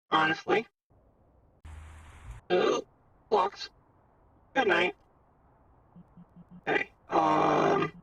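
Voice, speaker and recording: A man's voice: high voice, vocal fry, sharp tone, distant mic, slight background noise, voice pushed up, full character voice, rough recording. A man live-streaming in VR, talking through a synth robot voice changer, chatting casually with viewers while juggling his setup.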